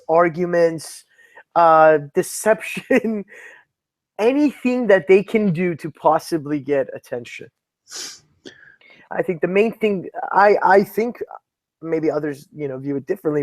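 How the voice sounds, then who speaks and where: A man's voice: on the high side, dry recording. A man in his thirties, a guest on a chat show, joking and self-deprecating in easy banter. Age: 30s. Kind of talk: casual chat.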